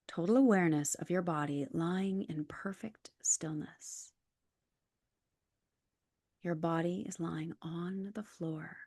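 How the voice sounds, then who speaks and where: A woman guides a yoga nidra session in a lower register, reading scripted instructions in a calm, soothing way. The sound is very dry and close, with no echo.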